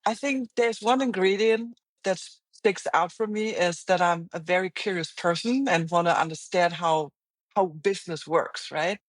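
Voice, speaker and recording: A middle-aged woman with a German accent, a finance executive, speaks as an interview guest in an earnest, reflective manner with frequent restarts. Her voice is on the low side at a moderate pace, and the recording is dry.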